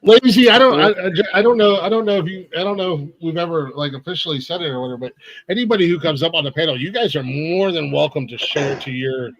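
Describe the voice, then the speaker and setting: A man's voice: a little high, fast, muffled recording. A man hosting a live podcast stream, joking and teasing the panel with crude banter. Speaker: podcast host. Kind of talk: casual live stream chat.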